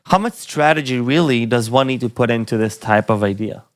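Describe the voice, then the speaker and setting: A man's voice: mid-range voice, a little fast. A man hosting a podcast, reading a scripted introduction and then asking his guest questions conversationally. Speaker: podcast host.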